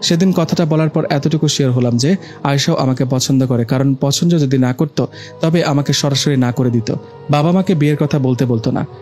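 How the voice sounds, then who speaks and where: A man telling a romantic story in first person, calm and steady, at a middle pitch. Faint music plays under his narration. The telling is scripted and even. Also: fairly quick.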